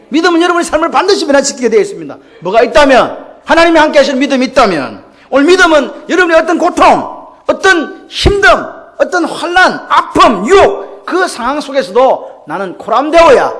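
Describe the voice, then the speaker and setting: Male pastor, very high voice with wide swings, preaches with call-and-response questions. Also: fairly bright tone. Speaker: senior pastor. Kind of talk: Sunday morning sermon.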